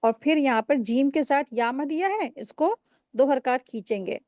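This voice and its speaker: A woman's voice: high-pitched, animated, moderate pace, a little mellow, no echo, clean studio sound. A woman teaching Quran recitation rules, explaining patiently step by step and drawing out example words. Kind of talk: tajweed lesson with slow drawn-out recitation examples.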